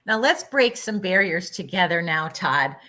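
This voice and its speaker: A woman's voice: fairly low pitch, animated, a little slow, sharp tone. A woman hosting an online interview, articulate and steering the conversation. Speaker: host. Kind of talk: casual interview chat.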